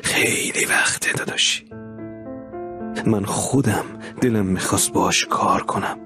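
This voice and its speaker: An actor playing a gentle brother who talks softly and pleads in a dubbed TV drama. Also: male voice, on the low side, big pitch swings. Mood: tender. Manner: soft, soothing, pleading. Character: gentle brother trying to calm his sibling. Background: soft music.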